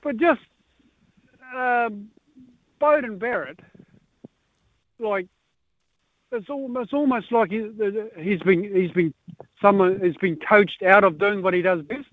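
A man's voice: sits high, takes it slowly, pauses often, dry recording. A man with a New Zealand accent calling a radio phone-in, chatting about sport in matey, blokey banter. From Northland, New Zealand. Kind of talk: casual sports chat. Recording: tinny phone line.

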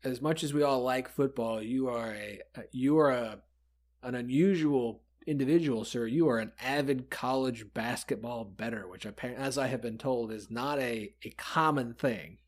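A man's voice: medium pitch, normal speed. Casual male sports podcast host.

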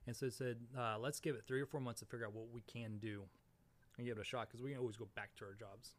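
A man's voice: medium pitch, steady tone, quick pace. A man in his thirties from Missouri, chatting casually as a podcast guest with a dry, sarcastic humor and plenty of fillers. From Springfield, Missouri, USA. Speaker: podcast guest, real estate investor. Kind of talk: casual interview chat.

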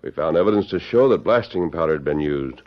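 The Lone Ranger, deep commanding masked Western hero. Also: male voice, expressive. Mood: firm, commanding. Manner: measured, formal, authoritative. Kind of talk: old-time Western radio drama acting. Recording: dull, band-limited old radio recording.

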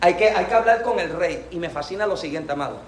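A man preaching a sermon with a Puerto Rican accent, animated and acting out voices from the story. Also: sits high, quick pace, slight background noise. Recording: echoey room from a distance.

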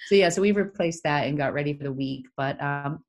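With a deep voice and brisk delivery, this Massachusetts podcast co-host in her forties keeps the talk chatty and meandering, breaking into laughter frequently.

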